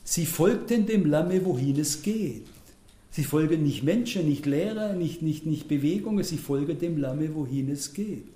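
A man preaching a sermon, blunt and self-mocking, swinging between loud emphatic lines and quiet asides. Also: a little high, animated, a little slow, roomy sound.

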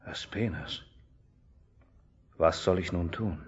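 Radio play king: sorrowful, torn, bottomless low husky voice, slow delivery. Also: dull audio, heavily acted. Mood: helpless, remorseful. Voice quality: very deep, husky. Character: weary, remorseful king of Babylon, torn and powerless.

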